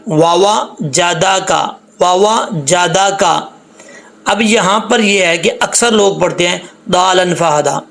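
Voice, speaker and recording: A man teaching Quran recitation step by step. He patiently corrects common mistakes and spells out letters, drawing the sounds out slowly. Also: a little high, vocal fry, a bit bright. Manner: spells out letters and drags out sounds in slow demonstration.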